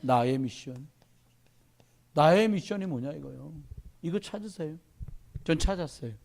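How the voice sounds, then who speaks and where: Lively high-voiced male pastor preaching. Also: measured pace, vocal fry. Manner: animated preaching, addresses congregation directly. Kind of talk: sermon. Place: church.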